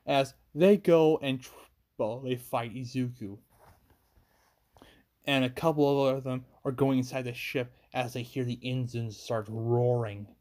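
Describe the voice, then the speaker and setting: A man narrates an improvised fan story at a slow, unhurried pace. His pitch sits in the ordinary middle range. He rambles through the action, restarting sentences and stacking one clause after another. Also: fairly even intonation, darkish tone. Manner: rambling, chains events with "as", frequent restarts.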